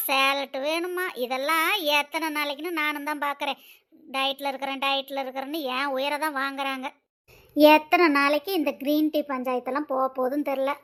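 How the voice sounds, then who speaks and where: Cartoon figure, tired young wife, voiced by a woman, high bright voice, soft and pleading. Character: weary put-upon young wife, ill and patient. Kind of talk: cartoon voice acting.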